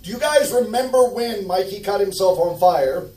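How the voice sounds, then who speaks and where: A man's voice: high voice, expressive, moderate pace, crowd noise. A man playing a tabletop game, joking and rambling with stumbling restarts, heard from a distance in an echoing convention hall. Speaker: player. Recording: echoey hall, distant mic.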